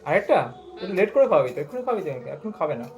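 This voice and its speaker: A man with a Kolkata Bengali accent and a fairly high voice talks casually on his vlog. He coaxes and teases the animals in a playful family way. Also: sing-song, very fast, a little mellow, faint music behind. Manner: coaxing, teasing, talks to animals. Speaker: vlogger.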